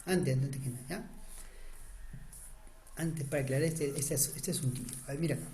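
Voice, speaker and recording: A man's mellow voice, on the high side and steady in tone, carries an online anatomy lecture at a moderate pace over slight background noise. Drawing on a diagram, he quizzes students, answers himself, and urgently keeps telling them to pay attention.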